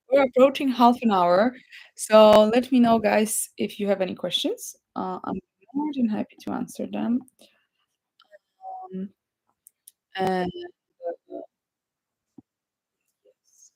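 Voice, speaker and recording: A woman's voice: mid-range voice, slow pace, vocal fry, long pauses, a little mellow, no echo, poor audio. A woman from Poland, rambling in a casual live chat with viewers. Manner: rambling, chatty, reads viewer comments aloud. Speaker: livestream host.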